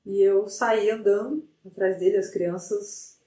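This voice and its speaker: A middle-aged woman, a psychologist guest, telling a story in a lively way with many restarts. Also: mid-range voice, a little slow, distant mic. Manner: animated retelling with frequent restarts. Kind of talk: conversational storytelling in an interview. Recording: roomy sound from off the mic.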